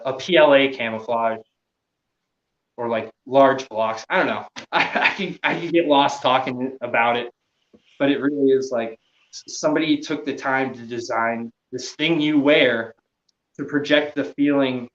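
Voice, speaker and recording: A man's voice: mid-range voice, fairly bright tone, roomy sound, dull audio. A man talking casually as a podcast guest, laid-back and trailing off, swearing casually and laughing often. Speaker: podcast guest, gear maker. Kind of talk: casual chat.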